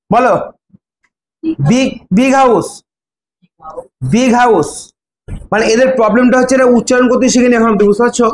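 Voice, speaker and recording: A man's voice: extremely high pitch, a little hiss or hum. A young man teaching an English grammar class, calling on students by name and drilling them with repeated prompts. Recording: echoey classroom, faint ambience.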